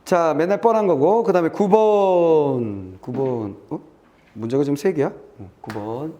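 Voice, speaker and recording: A male Korean exam-prep teacher walking students through a test passage, reading lines aloud and checking in with quick asides that trail off low. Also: mellow, highs cut off. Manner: brisk and chatty, reads aloud then checks "됐지?" and trails off low.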